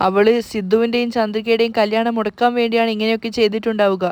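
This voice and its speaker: A woman's voice: on the high side, level tone, darkish tone, clear, resonant tone, dry recording, lightly acted. Woman reading as a troubled family patriarch. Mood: worried. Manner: slow, worried. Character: troubled older man, head of family.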